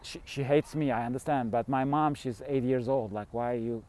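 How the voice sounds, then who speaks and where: In a medium-pitched, a little mellow voice, steady and a touch fast, a middle-aged fasting coach from Switzerland talks candidly in a rambling vlog monologue. He keeps it casual, letting out the occasional chuckle.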